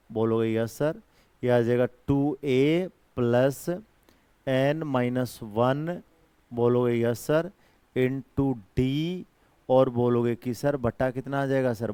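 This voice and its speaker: A man's voice: medium pitch, darkish tone, clear, resonant tone, no room sound. A man teaching an exam-prep math lesson, coaxing students with pet names and repeated call-and-response prompts. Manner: calls students by pet names and himself their brother.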